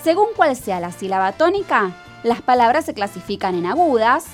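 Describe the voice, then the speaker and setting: Argentine woman teacher, kinda high voice, walks thru it slow and patient, faint music behind. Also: big pitch swings. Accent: Argentine Spanish. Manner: patient, explaining step by step with frequent checks. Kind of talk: educational broadcast lesson.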